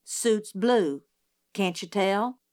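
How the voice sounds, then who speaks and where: A stern, fussy housekeeper, read by a woman narrator, lays down the law in a firm and scolding tone. She is a middle-aged woman who keeps the children in line. The storybook pace is slow and measured. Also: medium pitch, a little mellow.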